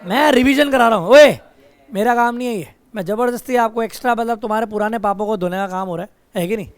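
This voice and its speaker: A man's voice: high-pitched, fast talker, no room sound. A male teacher teaching a classroom, mixing explanations with teasing and scolding of students. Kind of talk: classroom lecture with banter. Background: students' chatter.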